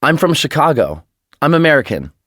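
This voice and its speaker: Woman putting on a deep-voiced American man. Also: big pitch swings, a little fast, a bit bright, dry recording, studio quality, heavily acted. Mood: plain. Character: adult American man introducing himself.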